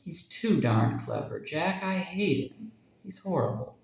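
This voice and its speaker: A man's voice: high voice, sing-song, measured pace, vocal fry, voice pushed up, exaggerated voice. A man voicing a fretful young wife with a raised, insistent delivery, in a roomy recording.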